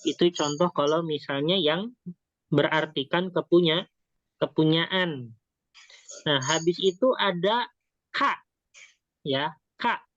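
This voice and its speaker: Unhurried teacher, quizzes the class, repeats each word, dull lo-fi sound. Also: mid-range voice, a bit bright, no echo. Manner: breaks words off mid-syllable before finishing them. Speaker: Arabic teacher. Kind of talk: beginner language lesson.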